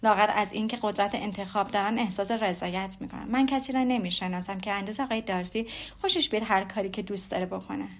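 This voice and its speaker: A woman reading the lines of a witty, teasing young lady in a storybook, with an ironic, lively manner. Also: medium pitch, few pauses, close to an everyday voice.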